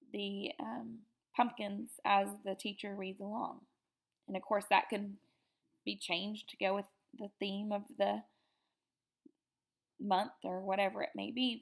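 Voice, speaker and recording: A woman giving an upbeat slide presentation to teachers, often pausing on fillers. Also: medium pitch, creaky. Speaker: teacher educator. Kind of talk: presentation lecture over slides.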